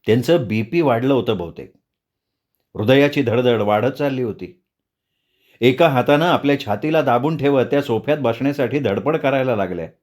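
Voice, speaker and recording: A man narrating a serialized novel aloud in a measured, expressive storytelling reading. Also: medium pitch.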